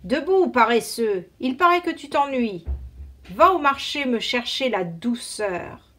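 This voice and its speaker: A woman voicing a haughty male hornbill bird god who blusters and scolds loudly, in a read-aloud storybook. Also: on the high side, expressive, measured pace, voice pushed up. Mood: scolding.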